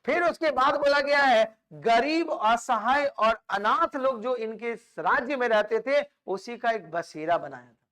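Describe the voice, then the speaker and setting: A man's voice: very high voice, expressive, a little slow, sharp tone. A male teacher giving an exam-prep history lecture, repeating key names and quizzing his students, with English words mixed in. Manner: mixes English words into Hindi.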